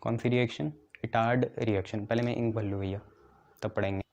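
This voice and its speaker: A man teaching chemistry in a soft, mellow voice of middle pitch. He walks through each step, keeps checking that the class is following, and asks a question before giving the answer himself. The recording sounds dull and lo-fi. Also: fairly even intonation, a little fast. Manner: explains step by step, often checks "ठीक है". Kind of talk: classroom lecture with memory tricks.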